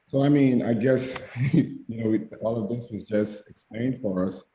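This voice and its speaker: A man's voice: mid-range voice, unhurried, reverberant, slight background noise, rough recording. A man from the Bahamas with a Bahamian accent, talking casually about his background as a guest presenter, with plenty of fillers. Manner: relaxed, with frequent fillers. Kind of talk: casual personal background talk.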